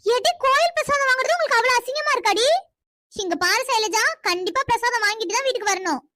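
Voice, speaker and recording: Someone doing a shrill nagging cartoon mother. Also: quick pace, pushed and bright, no echo. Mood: scolding. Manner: nagging, repeats instructions. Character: bossy fussing older mother. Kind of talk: cartoon voice acting.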